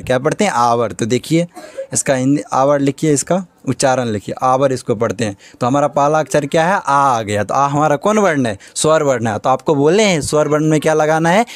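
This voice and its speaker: A male teacher walks through a grammar lesson, posing a question and then answering it himself, over and over. His voice sits somewhat high for a man. The sound is close and dry, with no room echo.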